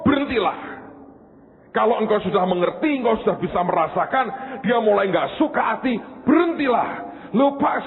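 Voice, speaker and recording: A man preaching a sermon in a high, very expressive voice that swings between loud and hushed. He sounds far off in a large echoing hall. The sound comes through a thin, phone-like line. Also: slight background noise. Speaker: pastor. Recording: echoey hall on a tinny line.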